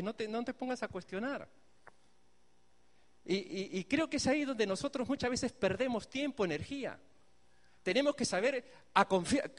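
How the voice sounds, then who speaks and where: A male pastor delivers an emphatic sermon in a high, lively voice, speaking straight to his listeners. The voice rings out with a long echo in a hall. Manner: animated, emphatic, addresses the congregation directly.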